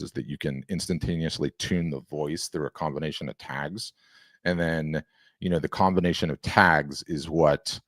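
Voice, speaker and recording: Deep-voiced man demoing software. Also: no echo, studio quality. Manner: enthusiastic, rambling with restarts. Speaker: software demo host. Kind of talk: casual screen-share demo.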